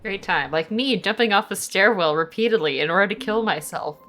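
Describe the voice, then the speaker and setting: A woman's voice: mid-range voice, a little fast, bright, forceful tone. A woman streaming a video game with casual, playful, wry chat.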